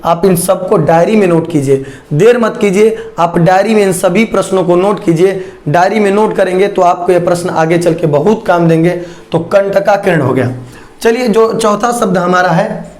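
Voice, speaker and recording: A man teaching an exam-prep lesson on correct spelling, repeating each word slowly and clearly. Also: high voice, darkish tone.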